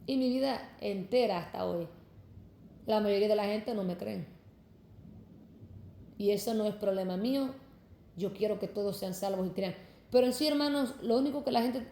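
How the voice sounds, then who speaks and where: Cuban-born young woman, fervent preacher's testimony, mellow voice in an echoey room. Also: a little high. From Cuba. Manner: fervent, addresses listeners as brothers.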